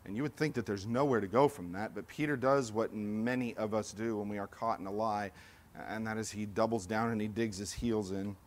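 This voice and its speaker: A man from California preaching a sermon, moving between loud, emphatic lines and quiet, low asides, and acting out accusers' voices. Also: fairly even intonation, brisk. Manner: acts out accusers' lines with raised voice. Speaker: pastor.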